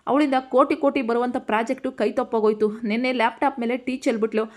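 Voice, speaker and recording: An angry young husband tears into his wife with sharp, heated scolding, as a woman storyteller puts him on. The voice sits fairly high and pushes hard through each complaint. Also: steady tone, quick pace, natural voice.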